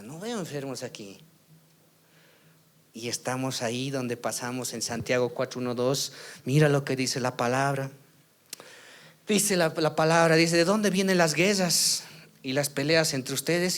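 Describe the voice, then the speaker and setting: Casual guy preaching at church, voice sits a bit high, keeps asking the crowd "no?" and goes loud then quiet. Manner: rhetorical questions with tag "¿no?", swings from loud to soft. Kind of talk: sermon. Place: church service.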